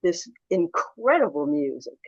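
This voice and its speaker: A woman's voice: lowish voice, big pitch swings, a little slow, dry recording, dull audio. An older woman from suburban Philadelphia, a guest telling reflective stories in an interview. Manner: reflective, anecdotal, with restarts and quoted dialogue. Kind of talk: storytelling interview answers.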